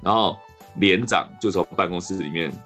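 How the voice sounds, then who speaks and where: A man with a Taiwanese Mandarin accent hosting a podcast, telling a rambling, animated story in casual chat. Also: deep voice, moderate pace, soft background music. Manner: rambling, animated anecdote with restarts. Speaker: podcast host.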